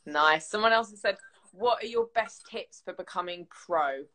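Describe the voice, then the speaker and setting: A woman's voice: mid-range voice, bright, forceful tone. A woman interviewer, reading fan questions in a chatty, upbeat manner on a live stream. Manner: chatty, upbeat, quick reactions.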